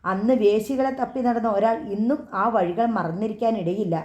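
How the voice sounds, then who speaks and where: Woman narrator as hard, unforgiving daughter; mellow, firm delivery, slightly muffled recording. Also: medium pitch, reverberant, lightly acted. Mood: bitter, firm. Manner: firm, measured, accusing. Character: bitter grown daughter, firm and cold.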